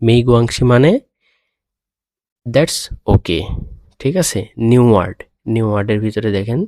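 A man with a Bangladeshi Bengali accent teaching a beginner language lesson, explaining slowly and checking in with "okay?" after each point. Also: medium pitch, darkish tone, no room sound. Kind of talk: screen-recorded lesson explanation.

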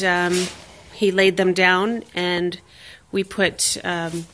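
In a casual home video walkthrough shot on the phone she's holding, a woman with a lowish, fairly bright voice shows off a project in her open garage and driveway outdoors. She speaks with many ums and restarts, and there's slight hiss or hum.

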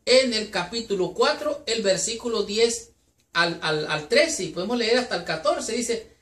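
A woman with a slightly high voice teaches a Sabbath school Bible lesson. She speaks in an earnest, unhurried way and reads scripture aloud between her explanations. Her voice rings in a roomy, echoey space. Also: lively intonation, a bit bright. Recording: echoey room.

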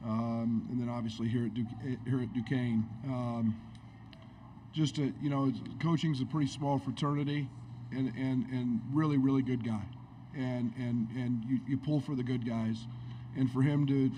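A middle-aged coach speaks into a table mic at a postgame press conference, his voice warm and mellow. He pauses often and circles back on his words while thinking. A faint room hum sits behind him. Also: mid-range voice, steady tone. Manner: halting, reflective, many restarts. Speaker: head basketball coach. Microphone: table microphone on stand.

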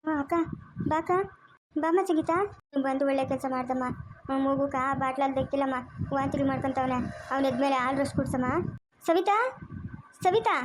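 A rural village wife with a Chikkaballapur Kannada accent, played by a woman, speaks in a very high voice. She talks fast and with feeling, scolding and pleading in a family drama. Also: natural voice.

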